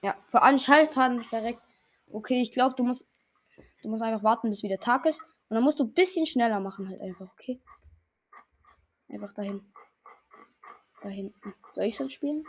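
A woman's voice: a little high, a little fast, long pauses. A young woman in casual gameplay chat, talking another player through a game in a reassuring, slangy way. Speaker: player coaching another gamer.

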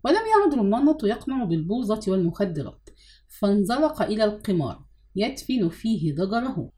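Woman reading a novel, mellow and expressive. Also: mid-range voice. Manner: measured, announces chapter numbers. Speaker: audiobook narrator.

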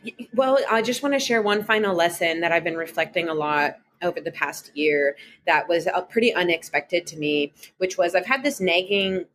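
Woman, Midwestern accent, slightly low voice; cheerful, chatty podcast guest. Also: moderate pace, hardly any pauses, fairly bright tone, a little hiss or hum. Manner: upbeat, chatty, frequent "like", laughs often. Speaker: guest author and meditation guide. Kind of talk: podcast interview.

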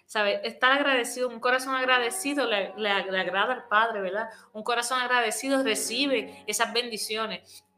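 A woman's voice: a little high, moderate pace, sharp tone. A woman sharing a fervent testimony of gratitude, often checking in with her listener. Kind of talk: testimony, casual speech.

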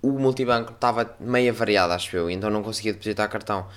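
A young man with a European Portuguese accent, a podcast host telling a story in casual chat and acting out other voices with sudden loud bursts. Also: fairly low pitch, racing, clean tone.

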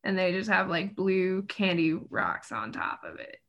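A woman's voice: lowish voice, big pitch swings, a little slow, lo-fi sound. A woman guest from New Mexico chatting casually on a podcast, jumping in with her own stories. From New Mexico, USA. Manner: chatty and laughing, jumps in with her own anecdotes.

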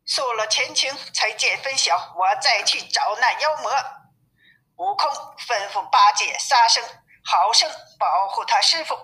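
A woman reading a classic story aloud as a storyteller, with a lively manner that lifts for character quotes. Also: fairly high pitch, a little slow, low-quality recording.

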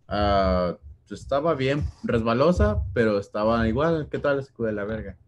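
A man's voice: medium pitch, moderate pace. Young Mexican man telling a story. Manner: animated storyteller who acts out the scene with sound effects and slang. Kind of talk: casual chat among friends.

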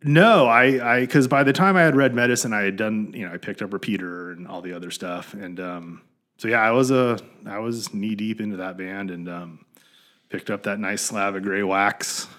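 A man in his forties co-hosting a podcast, talking in halting casual chat with many fillers. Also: lowish voice, steady tone, fairly bright tone. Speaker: podcast co-host.

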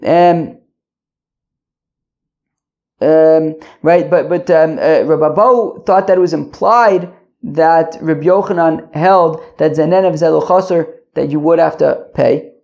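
Creaky-voiced man teaching. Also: on the high side, a little mellow. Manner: halting, thinking aloud, repeats phrases. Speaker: Talmud teacher. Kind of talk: informal lesson, reading aloud and explaining line by line. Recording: dull lo-fi recording.

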